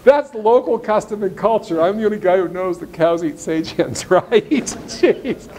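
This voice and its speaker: This man speaks in a high, expressive voice with a darkish tone and a slightly slow delivery, over a faint hiss or hum. He is at a farm meeting, giving ranchers a folksy seminar talk. He reads legal text aloud, then follows it with blunt, sarcastic commentary.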